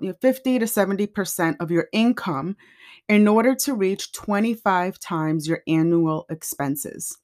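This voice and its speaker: Woman podcast host, lower-pitched, chatty and opinionated, casual delivery.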